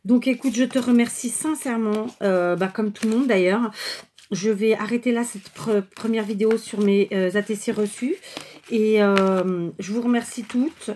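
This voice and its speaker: A woman vlogger chatting casually and hesitantly while showing craft cards, often pausing and correcting herself. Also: medium pitch, dark tone. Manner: chatty, rambling, many hesitations and self-corrections. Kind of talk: casual unscripted show-and-tell.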